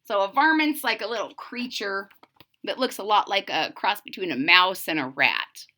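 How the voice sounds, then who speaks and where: A female storyteller with a mid-range voice reads a children's book at a moderate pace. She is dramatic and animated, adding side remarks and questions for those listening.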